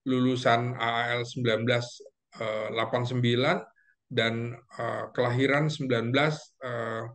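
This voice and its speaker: A man appearing as a guest analyst in a casual discussion works methodically through names and facts, pausing often and using plenty of fillers. His voice is medium-pitched.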